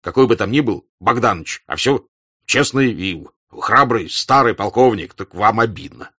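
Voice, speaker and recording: List: man doing gruff old hussar staff-captain, scolding, fatherly, loud and bright, dull dry recording. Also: fairly low pitch, expressive, normal speed, heavily acted. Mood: reproachful. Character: gruff older male hussar staff-captain, stern, honest.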